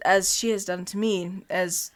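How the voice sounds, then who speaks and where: A woman's voice: on the low side, fairly even intonation, unhurried. A young woman reading the narration of a fan story aloud, stumbling over words and laughing with a friend. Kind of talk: casual read-through of a fan story.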